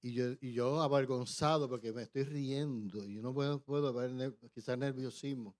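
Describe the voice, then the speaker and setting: A man preaching a testimony in church, telling the story with halting restarts and acted-out voices. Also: mid-range voice, steady tone, darkish tone. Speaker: pastor. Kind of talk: testimony sermon.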